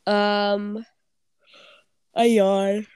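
Teenage girl, stuffy cold voice, smooth tone, rambling and giggly, dry close sound. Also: mid-range voice, level tone, extremely slow, a little mellow, dry recording. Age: teens. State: congested from a cold. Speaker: podcast co-host. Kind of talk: casual chat.

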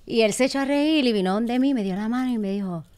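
With a fairly high, smooth voice and a quick pace, a Puerto Rican woman in her thirties shares a story as a guest in casual chat. Her Puerto Rican accent comes through as she animatedly acts out others' words and laughs frequently.

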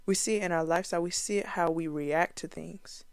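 A woman's voice: lowish voice, brisk, smooth, dry recording. A woman giving a casual Bible teaching to her viewers, earnest and conversational, with fillers and restarts along the way.

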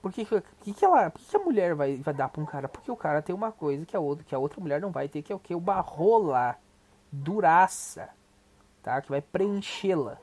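A man's voice: on the high side, expressive, brisk, darkish tone. A young adult Brazilian man is hosting a casual reaction podcast. He talks in long, rambling stretches, full of emphatic swearing and restarts. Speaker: podcast host.

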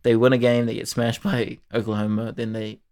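A man's voice: mid-range voice, little pitch movement, a little fast, a little mellow. A young man co-hosting a podcast, chatting casually about sport in a slangy, matey, jokey way. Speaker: podcast co-host.

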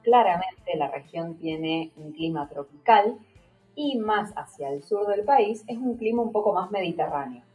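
An Argentine woman co-hosts a casual radio show in a relaxed, dark-toned voice. She is conversational and playful, talking straight to her partner over soft background music. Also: mid-range voice, unhurried, poor audio. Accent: Argentine, Córdoba. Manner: conversational, playful, addresses co-host directly. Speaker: radio co-host. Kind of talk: casual radio chat and presenting.

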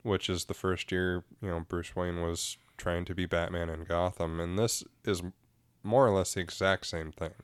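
A man with a very deep, smooth and resonant voice talks casually on a podcast. He explains things in a relaxed, easygoing way and laughs easily. The sound is dry and close. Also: moderate pace, dry recording. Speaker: podcast co-host. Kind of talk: casual chat about comics.

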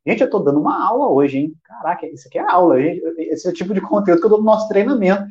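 A man's voice: high-pitched, animated, quick pace, a little mellow, dull audio. A man teaching worship music on a live stream. He talks straight to his viewers and asks himself questions, then answers them. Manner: talks directly to chat viewers.

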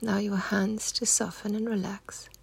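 This guided meditation is led by a woman whose hushed, husky voice sits at medium pitch with a level tone. She moves slowly and soothingly through her gentle instructions.

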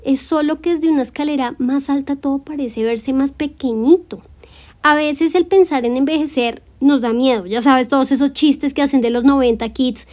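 A woman in her twenties hosting a solo podcast, speaking gently and encouragingly straight to her listener in a reflective monologue. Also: sits high. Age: 20s. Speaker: podcast host.

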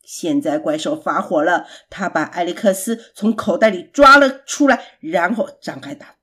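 A woman reading a children's story aloud in a gentle, expressive, unhurried way. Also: on the low side, slightly rough.

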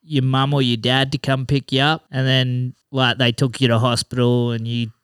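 A man's voice: mid-range voice, flat delivery, moderate pace, a bit bright, clean tone, no echo, studio quality. An Australian man chatting casually as a host, with a blokey, sweary, slangy way of talking. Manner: blokey, sweary, teasing slang-filled talk. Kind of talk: casual chat.

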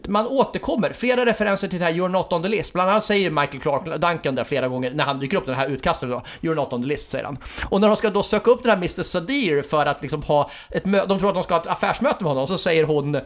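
Man, higher pitch, casual film talk, rambling fillers, restarts. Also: expressive. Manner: chatty, lots of fillers and restarts. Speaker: podcast co-host.

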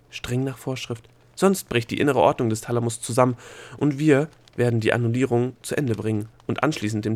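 A man's voice: medium pitch, darkish tone, close to an everyday voice. A man doing a prim bureaucratic woman. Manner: cool, pedantic, by-the-rules. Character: prim female brain bureaucrat. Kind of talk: audiobook character voice.

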